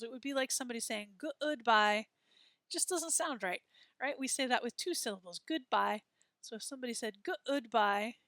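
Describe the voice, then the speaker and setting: Bright-voiced woman teaching Spanish. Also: fairly high pitch, no echo. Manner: slow, exaggerated modeling of words for repetition. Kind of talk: classroom lesson reading from a textbook.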